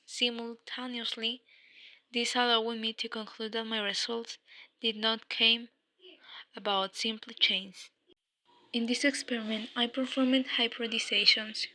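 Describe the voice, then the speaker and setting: A woman's voice: a little high, bright, forceful tone, rough recording. A woman giving a read-aloud school report in the first person as a historical scientist, stumbling and correcting herself as she goes. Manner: reads from a script with stumbles and self-corrections. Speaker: student presenter speaking as a historical scientist.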